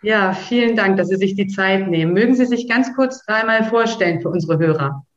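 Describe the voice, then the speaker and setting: A woman's voice: mid-range voice, fairly quick. A woman hosting a podcast interview, eager and effusive as she introduces and questions her guest. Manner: eager, effusive, repeats "spannend". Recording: roomy, dull lo-fi sound.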